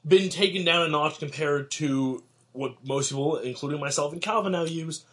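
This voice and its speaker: A man's voice: on the high side, moderate pace, fairly bright tone, slightly rough. A young man co-hosting a casual podcast chat, rambling and joking and often restarting his sentences. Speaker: podcast co-host.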